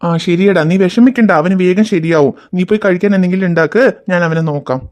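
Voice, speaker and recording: A performer voicing a quick-talking gentle cartoon dad. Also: medium pitch, close to an everyday voice. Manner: calm, reassuring, explains things to his children. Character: patient, gentle cartoon father. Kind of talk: cartoon voice acting.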